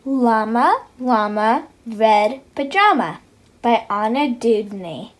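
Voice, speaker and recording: Slow, expressive woman reading aloud. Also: fairly high pitch, low-quality recording. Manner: slow, expressive, breaking in with whispered asides and gasps. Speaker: children's book reader. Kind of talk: reading a picture book aloud.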